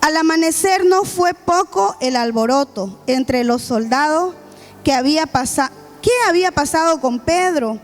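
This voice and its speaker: A woman preacher from Bolivia delivers a sermon at a slow, deliberate pace in a high voice. She retells the scripture story, acts out its quotes and calls on the congregation to answer. Soft music plays faintly behind her. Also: animated.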